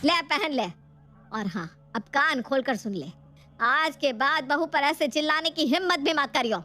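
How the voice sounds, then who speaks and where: A woman's voice: sits high, lively intonation, a little slow, bright, forceful tone, exaggerated voice. A woman voicing a stern, bossy but protective older mother-in-law in a cartoon, talking in a commanding, scolding way. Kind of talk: cartoon voice acting.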